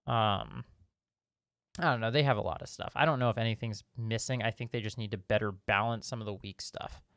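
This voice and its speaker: A man hosts a relaxed live-stream Q&A with a gravelly, fry-tinged voice. He rambles through viewer questions with fillers and restarts, recorded close and dry with no room sound. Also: on the low side, a little fast, no echo.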